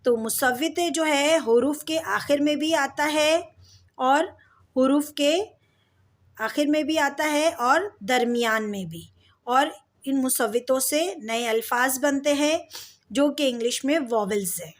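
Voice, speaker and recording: A woman teaching a slow alphabet lesson, patiently stretching out each example word for her pupils. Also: high voice. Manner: patient, drawn-out words for pupils. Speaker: Urdu teacher.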